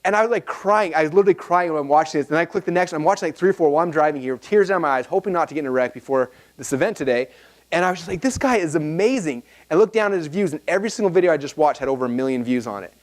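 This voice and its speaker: A man speaks quickly to a room full of people at a seminar, piling up fillers and restarting his sentences as he goes. His voice sits a little high for a man. He tells his stories in a loose, animated way. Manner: rambling, animated storytelling with many fillers and restarts. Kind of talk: live seminar talk to an audience.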